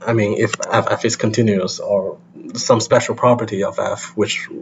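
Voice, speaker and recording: A man's voice: fairly low pitch, steady tone, normal speed, creaky. A man giving a recorded university lecture, explaining step by step with frequent restarts and fillers. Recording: slightly dull recording with faint hum.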